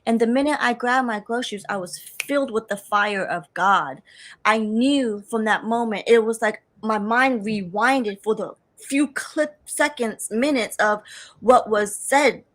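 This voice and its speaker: A woman in her thirties tells her own story in a plain, earnest testimony. Her voice sits a little high, and she stumbles into restarts as she relives her doubts. She often speaks her past thoughts aloud as she goes. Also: a bit bright. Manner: earnest storytelling with halting restarts and acted-out inner dialogue. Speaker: survivor telling her story. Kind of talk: personal testimony.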